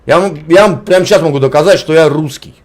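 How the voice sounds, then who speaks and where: A channel host argues hotly and scornfully with a stranger, swearing and repeating his demands. His voice is on the high side and he talks quickly.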